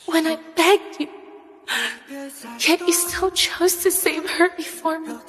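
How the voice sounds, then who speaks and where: A woman voicing a heartbroken young wife who speaks softly in a dubbed drama voice-over. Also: high voice. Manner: soft, sorrowful.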